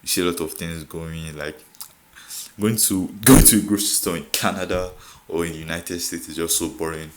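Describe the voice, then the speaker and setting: Low-voiced young Nigerian man vlogging. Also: fairly even intonation, moderate pace, noisy background. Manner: laughs often, code-switches, repeats filler "like". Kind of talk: casual monologue to camera.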